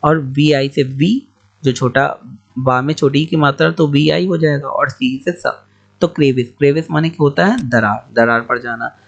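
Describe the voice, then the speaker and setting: Male tutor, gravelly slightly high voice, spells words out patiently, muffled lo-fi recording. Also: steady tone. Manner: spells words letter by letter, slow and explanatory. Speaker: English teacher. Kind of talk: spoken Hindi English-pronunciation lesson. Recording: dull lo-fi recording.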